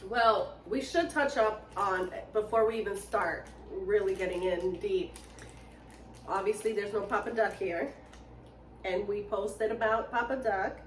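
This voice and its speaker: A woman's voice: mid-range voice, measured pace, echoey room, distant mic, slight background noise. A woman from New York with a New York accent, co-hosting a casual podcast chat, teasing and laughing often. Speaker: podcast co-host.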